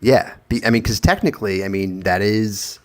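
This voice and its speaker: A young man from Long Island co-hosts a casual podcast in a fairly low voice. He chimes in with wry, teasing questions and dry asides. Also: moderate pace. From Long Island, New York. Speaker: podcast co-host. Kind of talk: casual chat.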